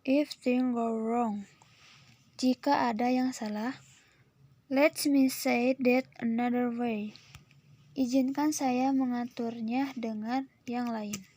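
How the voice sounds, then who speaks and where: Slow, careful Indonesian woman reading. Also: a little high, fairly even intonation, mellow. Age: young adult. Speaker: student presenting a lesson. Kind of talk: reading English phrases with translations.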